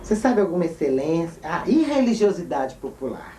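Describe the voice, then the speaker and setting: A woman's voice: fairly low pitch, sing-song, fairly quick, mellow, far from the mic, a little hiss or hum. A woman with a Brazilian Portuguese accent, an interviewer asking brief, plain questions. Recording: roomy, off-mic with faint ambience.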